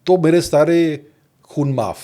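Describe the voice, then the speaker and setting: Mellow-voiced Indian man analysing world affairs. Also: fairly high pitch. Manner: measured, mixes Hindi with English phrases, restarts words. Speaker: guest geopolitics commentator. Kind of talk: podcast interview analysis.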